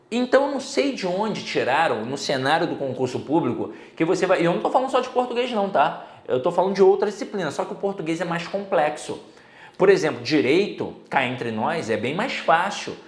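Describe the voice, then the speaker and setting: A man's voice: high voice, big pitch swings, normal speed, echoey room. A middle-aged Brazilian man giving a casual exam-prep Portuguese lesson, chatty and full of personal stories. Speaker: Portuguese teacher.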